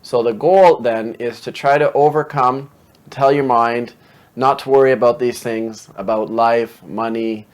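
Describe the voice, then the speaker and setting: A man at a middle pitch hosts a meditation lesson in a calm, conversational way. He explains plainly and often poses questions to the listener. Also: measured pace. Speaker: meditation show host.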